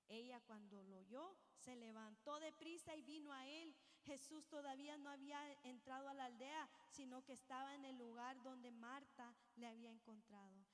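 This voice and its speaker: A woman's voice: sits high, normal speed, few pauses, in a large hall. A woman preacher reading scripture and giving an earnest, reflective sermon to her congregation. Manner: reflective, earnest, addresses listeners as brothers and sisters.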